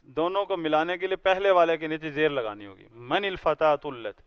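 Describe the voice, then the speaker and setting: A man's voice: a little high, expressive, clean tone, no room sound, muffled recording. A man teaching a language class, patiently explaining each word and having students read aloud. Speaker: Arabic teacher. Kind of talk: classroom grammar lesson.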